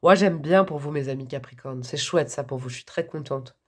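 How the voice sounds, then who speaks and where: A hoarse woman giving a casual, enthusiastic tarot reading to her viewers, chatty and quick to laugh. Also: low-pitched. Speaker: tarot reader.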